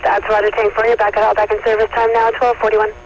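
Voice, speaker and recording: Fast dispatcher guy on the radio, reads back every call and the time, kinda muffled. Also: high voice, monotone. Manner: brisk, repeats back calls and gives times. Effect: heard over a two-way radio. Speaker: fire dispatcher. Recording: muffled radio with faint static.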